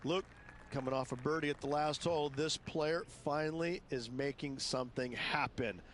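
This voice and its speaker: A man's voice: fairly high pitch, slight background noise. Conversational man giving golf color commentary. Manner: measured, conversational analysis addressed to co-host. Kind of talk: scripted video game sports commentary.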